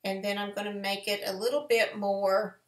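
A woman's voice: mid-range voice, little pitch movement, moderate pace. A woman, giving a chatty, folksy step-by-step painting lesson in a live tutorial. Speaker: painting teacher. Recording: echoey room.

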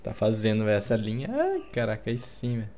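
A man's voice: on the low side, wildly swooping pitch, fast talker, warm tone. A man with a Brazilian Portuguese accent, chatting casually while co-playing a survival game. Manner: laid-back, chatty, says "velho" often. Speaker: gamer co-playing. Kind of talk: casual gaming chat.

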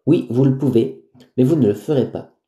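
A man's voice: medium pitch, warm tone, natural voice. A man voicing a stern, formal middle-aged cruise director who lays down the rules. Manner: formal, firm, measured. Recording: roomy echo.

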